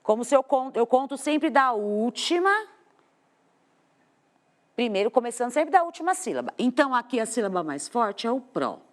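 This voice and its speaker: A woman's voice: a little high, very animated, moderate pace. A Brazilian Portuguese-accented woman teaching a class from a TV studio, explaining step by step and asking the students questions. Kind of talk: televised classroom lesson. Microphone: studio microphone.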